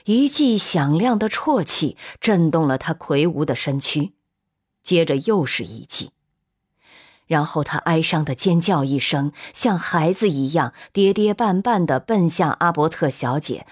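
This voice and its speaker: A woman reads a literary novel aloud at an even, measured pace. Her voice sits on the lower side, calm and steady, carrying the scene without rush. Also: husky. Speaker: narrator. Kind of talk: scripted audiobook narration.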